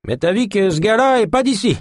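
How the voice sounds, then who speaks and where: A man voicing a wrinkled old woman in rags, with a quavering, high voice in an audiobook reading. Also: lively intonation, a little fast, no echo, clean studio sound. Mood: insistent.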